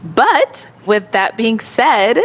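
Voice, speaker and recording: A woman's voice: fairly high pitch, expressive, very slow. A woman hosting a dating show, chatty and upbeat as she guides the contestants. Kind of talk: casual hosting.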